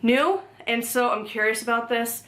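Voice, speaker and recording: This book vlogger's voice is a little high, pushed and bright, at a normal speed as she chats at home about library books. She rambles loosely, corrects herself, uses "like" constantly, laughs readily, and addresses her cat between books.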